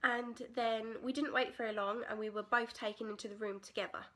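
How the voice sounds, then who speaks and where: A woman's voice: fairly high pitch, fairly even intonation, a little fast, sharp tone. A British woman in her twenties telling a personal story in a casual, candid, chatty vlog style. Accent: British English. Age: 20s. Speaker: vlogger.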